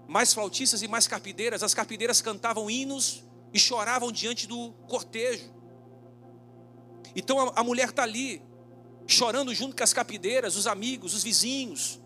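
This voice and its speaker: High-voiced male pastor telling a dramatic story. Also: sharp tone. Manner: dramatic storytelling, slowing down for emphasis. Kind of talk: sermon.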